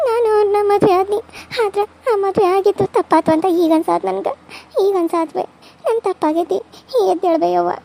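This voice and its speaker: A tearful young daughter, voiced by a cartoon performer, pleading through sobs. The voice sits very high and turns gravelly and creaky in places. It has the feel of a cartoon serial. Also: a little mellow. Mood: sobbing plea. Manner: pleading, sobbing.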